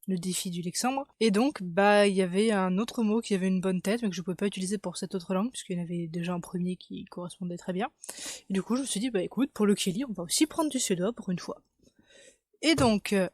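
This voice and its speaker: A woman's voice: medium pitch, darkish tone, dry recording. Chatty woman explaining, dry close sound. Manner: chatty, filler-heavy, thinking aloud. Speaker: language creator explaining her invented language. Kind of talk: casual explanatory video lesson.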